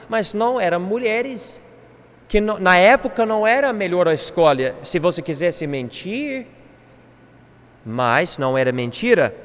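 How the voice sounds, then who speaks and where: A man teaching a Bible class, animated, acting out quoted speech. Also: high-pitched, in a large hall. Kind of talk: classroom lecture.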